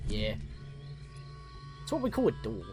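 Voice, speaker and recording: A man's voice: fairly low pitch, huge pitch swings, measured pace, over music. Chatty man streaming a game. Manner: chatty, exclaims at gameplay. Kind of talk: live let's-play commentary.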